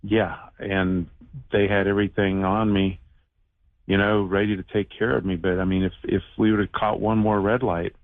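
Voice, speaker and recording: A man in his fifties calling in to a show by phone, telling a personal story in a casual, halting, plain-spoken way. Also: fairly low pitch, little pitch movement, dry recording. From United States. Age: 50s. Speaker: radio show call-in guest, shoemaker. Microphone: telephone. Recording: muffled band-limited phone call.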